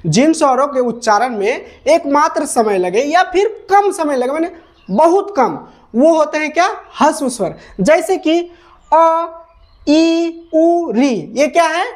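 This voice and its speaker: A woman teacher with a slightly high voice works through a grammar lesson at a whiteboard. She repeats each definition and keeps asking her students questions, then answers them herself. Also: lively intonation, moderate pace.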